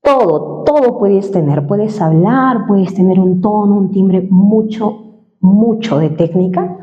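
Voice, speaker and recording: The woman's voice is medium-pitched and slow as she describes voice exercises in an interview. She works in dubbing and voice-over, tends to finish her points with a questioning tag, and is offering voice-training advice. The sound is roomy and a bit dull.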